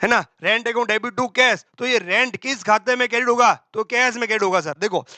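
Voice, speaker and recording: Brisk, bright-voiced male tutor. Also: very high-pitched, no room sound. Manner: brisk, voices imagined student questions. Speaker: accountancy teacher. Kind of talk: exam-prep lecture.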